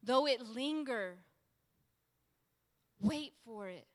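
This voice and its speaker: A woman's voice: a little high, expressive, extremely slow. A woman preacher giving an emphatic sermon and repeating key phrases for weight. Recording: long hall reverb.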